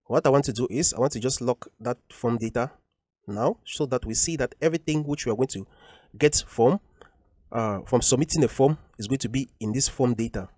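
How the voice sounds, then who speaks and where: A man's voice: medium pitch, a little fast, a little mellow, no echo, clean studio sound. A man teaching a coding tutorial over a screen recording, explaining patiently and repeating each point with frequent ums.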